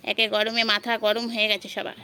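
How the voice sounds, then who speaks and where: A woman's voice: medium pitch, little pitch movement, brisk, pushed and bright. A woman, chatting to viewers while filming her pets on a phone and teasing the animals directly. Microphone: phone camera held while filming.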